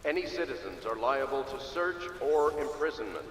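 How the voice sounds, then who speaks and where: A stern official announcer addresses a city in a game over a loudspeaker. His medium-pitched voice is clipped and impersonal, echoing with long reverb over clear noise. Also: sing-song, normal speed. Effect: public loudspeaker. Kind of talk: formal public announcement. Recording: echoing loudspeaker over noisy street ambience.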